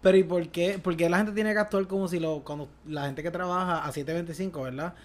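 A man's voice: sits high, steady tone, fairly quick. A man in casual podcast chat, wry and analytical. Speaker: podcast co-host.

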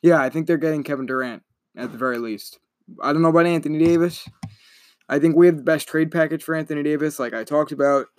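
A man's voice: fairly high pitch, fast talker. Young man rambling on a sports podcast. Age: young adult. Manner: rambling, self-correcting, chatty. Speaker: podcast host. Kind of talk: casual solo sports podcast.

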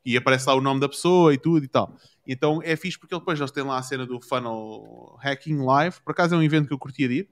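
A man's voice: medium pitch, quick pace. A man with a European Portuguese accent chatting casually, using plenty of slang and swearing freely. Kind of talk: casual chat.

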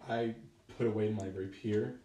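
A man's voice: fairly low pitch, steady tone, normal speed, mellow, highs cut off, slight background noise. A man playing a tabletop game, talking casually and hesitantly. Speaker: player. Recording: roomy, from far off the mic.

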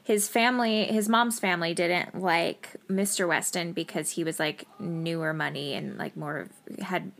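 A woman co-hosting a podcast in a casual, animated chat, laughing often and acting out what people said. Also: lowish voice, normal speed, gravelly, few pauses. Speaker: podcast co-host.

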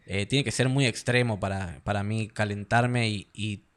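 Argentine guy, fighter, chatty interview, laughs a lot, acts out the other guys yelling. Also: fairly low pitch, moderate pace. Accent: Argentine Spanish. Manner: animated, acts out quotes in a raised voice, laughs often. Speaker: fighter guest. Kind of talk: casual interview storytelling.

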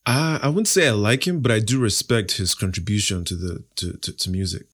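His voice sits fairly low, moves fairly quickly and has a slightly bright quality. The speaker is a young Nigerian man and Igbo speaker who, as podcast host and interview guest, responds to interview questions playfully and with self-assured confidence.

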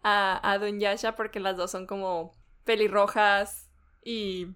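A woman's voice: mid-range voice, steady tone, slow pace, a bit bright, clear, resonant tone. Woman, casual book chat, laughs a lot, trails off. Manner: chatty, laughs often, trails off mid-thought. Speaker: book podcast co-host.

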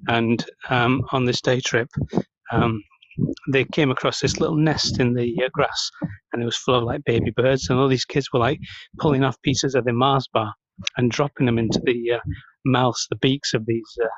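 A man chats into the mic with gum in his mouth, wandering from thought to thought with lots of ums and likes. His voice sits at an ordinary middle pitch. The recording is dull and dry, with no room sound around him. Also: fairly even intonation, moderate pace, no room sound. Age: adult, 30s or older. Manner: rambling, many fillers. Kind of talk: casual monologue.

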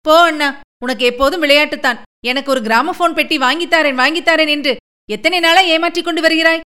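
Woman voicing a young girl, high voice, playful, pleading, storybook character. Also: quick pace. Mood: coaxing. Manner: pleading, sing-song, excitable. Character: lively young village girl, playful, coaxing little sister.

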